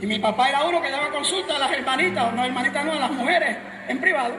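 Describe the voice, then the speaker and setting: A middle-aged Puerto Rican man with a Puerto Rican accent preaching a sermon, shouting emphatically and joking with the congregation. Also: very high-pitched, fast talker, noisy background. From Puerto Rico. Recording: echoey room with music and crowd.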